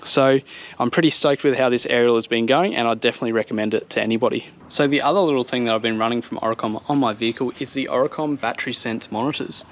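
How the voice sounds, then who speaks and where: Addressing his viewers from a home driveway by a vehicle, a man in his thirties with an Australian accent casually explains a piece of vehicle gear he is reviewing. He talks quickly in a mid-range voice.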